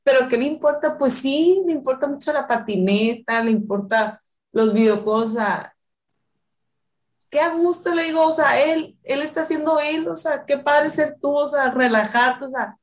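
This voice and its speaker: Lively Mexican mom, slightly high voice. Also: female voice, moderate pace. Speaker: mother in a group chat. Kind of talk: casual chat.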